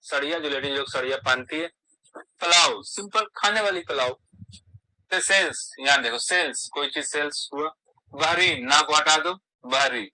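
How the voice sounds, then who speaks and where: A man's voice: fairly high pitch, normal speed, sharp tone, no room sound, low-quality recording. A man with a Bihari Hindi accent, teaching a mnemonic lesson full of playful puns and repeated words.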